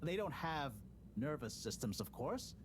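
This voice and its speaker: A man's voice: a little high, very animated, measured pace, background noise. A man playing a nerdy, wry, anxious professor in a video game, with a pedantic manner. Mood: pedantic, self-satisfied. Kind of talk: video game character acting. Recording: music behind the voice.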